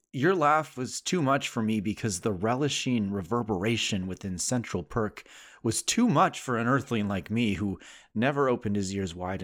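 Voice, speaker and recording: A man reading a poem in character as a sarcastic adult male sitcom character, rising in pitch on the refrains.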